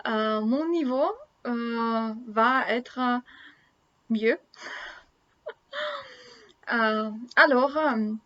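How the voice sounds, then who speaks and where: A woman in her thirties from Russia, a native Russian speaker with a Russian accent, talks casually to camera in learner French, haltingly searching for words. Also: a little high, a bit bright. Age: 30s. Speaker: language-learning vlogger. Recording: dull lo-fi sound.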